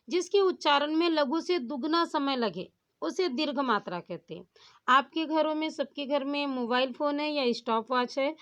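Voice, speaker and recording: A woman's voice: sits high, fairly bright tone. A woman teaching a Hindi grammar lesson on poetic meter. She keeps asking rhetorical questions and then answers them herself. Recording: dull lo-fi sound.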